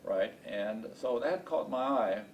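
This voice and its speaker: An expressive man in his late seventies, a native Estonian speaker who moved from Estonia to Baltimore, USA, looks back on his life as a space program veteran in an oral history interview. He speaks haltingly and deliberately, often hesitating, recorded on a distant mic against a noisy, rumbling background.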